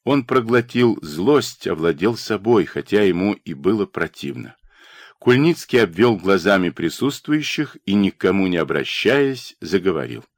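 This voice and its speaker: A man narrating an audiobook in an expressive way, recorded on a studio mic. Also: unhurried, no echo. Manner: expressive, with lively pitch. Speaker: audiobook reader. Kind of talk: scripted narration.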